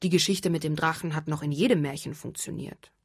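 A woman voicing a stubborn, blustering old king in a fairy tale, gruff and pompous. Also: deep voice, a little fast, dry recording, studio quality.

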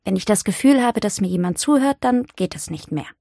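A woman's voice: mid-range voice, expressive, fairly quick, creaky, dark tone, dry recording, studio quality. A woman voicing a clever, imaginative young girl in a storybook audiobook, speaking eagerly and playfully. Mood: earnest.

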